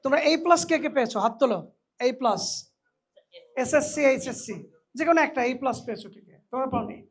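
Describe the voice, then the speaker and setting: A man teaching English pronunciation to new college students in a hall, lively and teasing, slipping English phrases into his talk. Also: extremely high pitch, fast talker, husky. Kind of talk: lively classroom lecture with a live audience.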